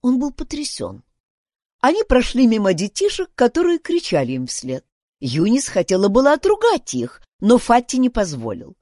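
Expressive woman reading a children's story. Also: on the high side, moderate pace, no echo, studio quality. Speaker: audiobook narrator. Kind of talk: scripted story narration.

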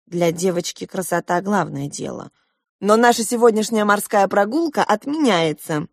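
A woman's voice: mid-range voice, animated, normal speed, vocal fry, no room sound, studio quality. A woman voicing a distraught father who talks in an anxious, desperate way.

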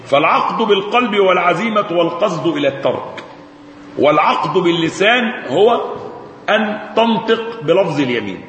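A man's voice: high-pitched, animated, fairly quick, a bit bright, muffled recording. A man with an Egyptian accent teaching Islamic jurisprudence in a classroom lecture, reading out quoted sources and explaining them step by step. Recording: echoey hall with faint noise.

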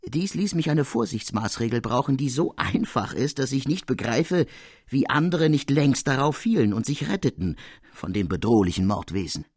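A man voicing a proud, soldierly male count with a husky voice, speaking in a measured, courtly and emphatic way. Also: medium pitch, big pitch swings, a little mellow, no room sound, studio quality. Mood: earnest.

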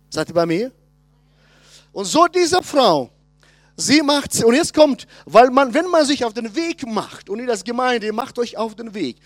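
Animated preacher in his sixties. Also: sits high, dry recording. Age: 60s. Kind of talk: conference sermon.

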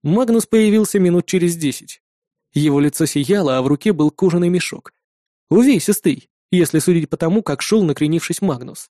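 A man reading a first-person fantasy audiobook in a calm, measured way. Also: on the high side, no room sound, clean studio sound. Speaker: audiobook narrator.

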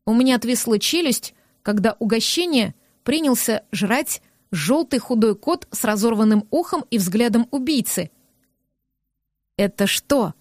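A woman narrating an audiobook in the first person, steady and expressive. Her voice is fairly high, with a dry, close sound and no room in it. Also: normal speed, dry recording. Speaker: audiobook reader.

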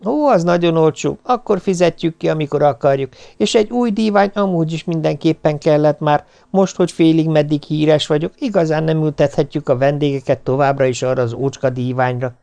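A man's voice: fairly high pitch, gravelly, few pauses, mellow, clean tone. A man doing a breezy, carefree mother.

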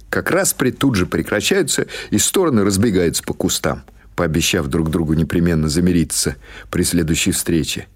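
With music in the background, a man reads literary prose as an audiobook narrator. His low-pitched voice is slightly rough, and the delivery follows a scripted storytelling style.

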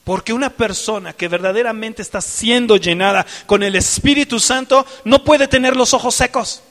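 A man's voice: high-pitched, moderate pace, long reverb tail. A male preacher giving a dramatic sermon, acting out tearful and joyful prayer. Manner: animated, dramatic, acts out crying and joyful prayer.

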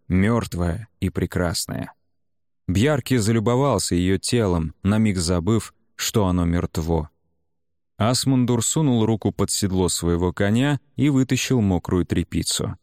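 Low-voiced male audiobook narrator. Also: unhurried, darkish tone, dry recording, clean studio sound.

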